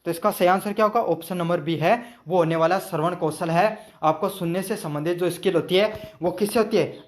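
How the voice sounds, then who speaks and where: A man's voice: high voice, slight background noise. A young male teacher giving an exam-prep lecture, asking his own questions, answering them and repeating answers for students to memorize, with English terms mixed in. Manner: mixes English terms into Hindi.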